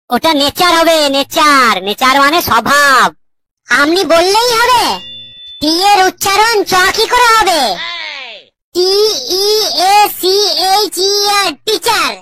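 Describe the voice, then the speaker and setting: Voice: high-pitched, lively intonation, measured pace, very noisy. A voice actor playing an incredulous new male schoolmaster in a cartoon, correcting everyone's English. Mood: exasperated. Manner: exasperated, incredulous. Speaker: new teacher.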